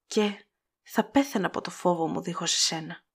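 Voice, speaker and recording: A woman voicing a gentle, timid young woman who speaks softly and anxiously in an audiobook. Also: fairly low pitch, vocal fry, husky. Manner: soft, anxious, hurried.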